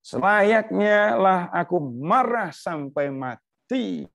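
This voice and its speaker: A man's voice: fairly low pitch, lively intonation, unhurried, dry recording. A sulking, stubborn prophet, as a man puts him on. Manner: stubborn, insistent. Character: sulking, angry prophet Jonah. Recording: dull, dry lo-fi recording.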